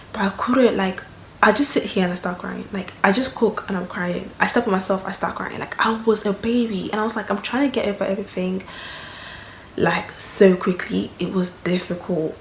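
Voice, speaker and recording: A woman's voice: mid-range voice, vocal fry. A young woman telling a personal story in a candid vlog, rambling and emotional, full of fillers. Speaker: vlogger. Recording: echoey room, faint background noise.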